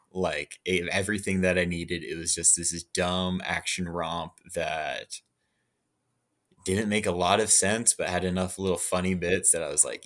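A man with a very low voice chats casually on a podcast he co-hosts. He is playful and loose, with a relaxed delivery. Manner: playful, reads blurbs in a mock trailer voice. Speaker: podcast co-host. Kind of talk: casual chat. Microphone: home podcast mic.

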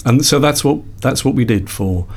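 A man's voice: medium pitch, moderate pace, a little mellow. A man in his sixties from Liverpool, a psychologist guest telling his career story in a reflective, rambling way with many self-corrections. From Liverpool, England. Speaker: guest, company founder and psychologist. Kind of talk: casual interview conversation.

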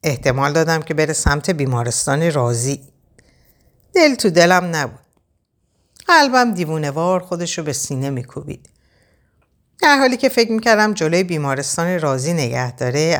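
A woman narrating a first-person story aloud, expressive and tense. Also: deep voice. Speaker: audiobook narrator.

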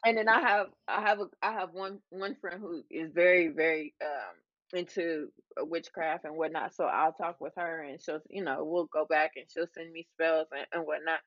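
A woman's voice: low-pitched, fairly even intonation, moderate pace, no room sound. Woman guest, frank and profane, laughs often; dry, muffled recording. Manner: candid, laughing, swears freely. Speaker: guest, adult toy shop owner. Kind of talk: casual podcast chat.

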